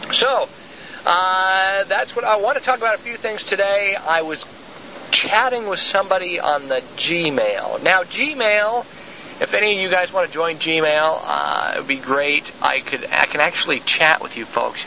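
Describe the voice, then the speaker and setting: A man's voice: a little high, sharp tone, a little hiss or hum. A man hosting his own show, rambling with frequent restarts, recorded on a handheld tape recorder inside a van. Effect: lo-fi cassette tape recorder recording. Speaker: podcast host. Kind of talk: casual solo show monologue.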